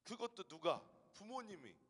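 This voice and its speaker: A man preaching a sermon as pastor. He tells stories, dropping to hushed asides and rising to loud, emphatic peaks. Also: sits high, big pitch swings, moderate pace, slightly rough. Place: church sanctuary. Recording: long reverb of a large hall.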